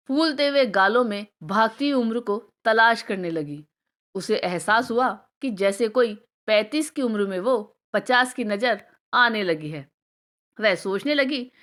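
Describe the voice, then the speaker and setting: A woman tells a scripted family story in a measured, emotive voice. Her voice sits fairly high, and she reads at a steady storyteller's pace.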